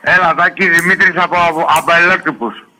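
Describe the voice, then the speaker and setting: A man's voice: on the high side, fairly even intonation, sharp tone, poor audio. A man calling in to a radio show, chatting casually and reminiscing. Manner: chatty and reminiscing, laughing easily. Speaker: caller. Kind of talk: casual phone-in chat.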